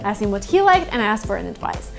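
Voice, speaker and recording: A woman's voice: medium pitch, sing-song, racing, creaky, soft background music. A woman in her late twenties from Russia, a native Russian speaker, giving a chatty English lesson to camera with many fillers and little stories. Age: 20s. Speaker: English teacher.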